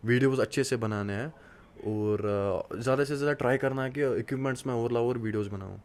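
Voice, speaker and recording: A Kashmiri man in his twenties, a podcast guest, speaks in a medium-pitched, slightly mellow voice at a quick pace. In casual interview talk, he discusses hard work earnestly and motivationally, with many hesitant fillers.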